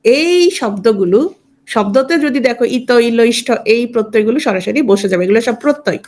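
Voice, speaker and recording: A woman's voice: fairly high pitch, animated, a little fast, darkish tone. A woman teaching a grammar lesson, explaining step by step and asking and answering her own questions.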